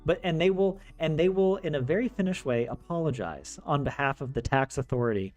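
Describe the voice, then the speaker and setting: A brisk, higher-pitched voice comes from a young American streamer who teaches Finnish. He casually chats about life abroad, with frequent jokes, laughter, fillers and restarts, while faint video game music plays in the background.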